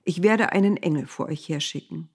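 A woman's voice: deep voice, a little fast, breathy edge. Woman voicing a stern, unmoved God. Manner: calm, stern, unmoved, briefly snapping. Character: God, stern weary divine voice from a cloud.

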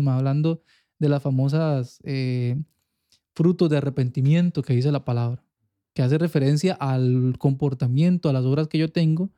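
Warm and slightly high-pitched, the voice belongs to a young Costa Rican-accented man co-hosting a casual faith podcast. He speaks earnestly and keeps pausing to ask "you get me?" so he knows the listener follows.

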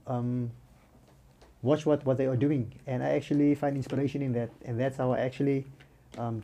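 A man's voice: medium pitch, vocal fry, dark tone. A man with a South African accent chatting casually as an interview guest, often rounding off statements with a "yeah". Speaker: podcast guest, amateur runner.

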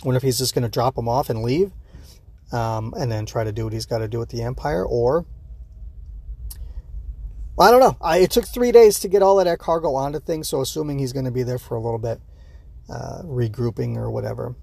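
A man's voice: mid-range voice, fairly quick, creaky, darkish tone, slightly rough. A man hosting a show, giving a casual, rambling reaction recap full of fillers and acted-out quotes. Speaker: show host.

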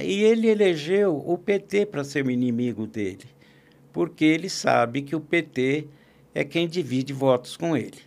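A man with a gravelly, fry-tinged voice sits as a guest on a conversational podcast. He talks politics in an opinionated, rambling way, often breaking off and restarting his sentences. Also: medium pitch. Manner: talkative, opinionated, frequent restarts and fillers. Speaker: podcast guest, columnist and agribusiness consultant.

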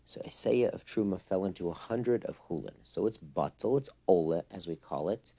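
Deep, mellow-voiced man teaching religious texts. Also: animated, moderate pace, creaky, husky. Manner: peppers English with Hebrew and Yiddish terms. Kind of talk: informal religious text lesson, reading then explaining.

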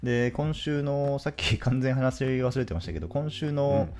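A man co-hosting a casual comedy podcast, telling a workplace story with deadpan delivery and crude self-mocking jokes. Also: medium pitch, normal speed. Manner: deadpan, answers with flat "hai", crude self-deprecating jokes. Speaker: podcast co-host.

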